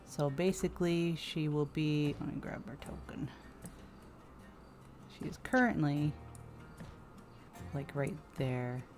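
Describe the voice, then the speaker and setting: A woman's voice: sits low, slow pace, pauses often, darkish tone, faint music behind. A woman playing in a tabletop game, chatting casually and thinking aloud as she plans her character's moves. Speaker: player.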